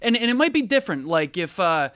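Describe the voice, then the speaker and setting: A man's voice: high-pitched, big pitch swings, fast, fairly bright tone, clear, resonant tone, no room sound. A man co-hosting and producing a studio sports talk show, speaking conversationally and often agreeing. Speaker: producer and co-host.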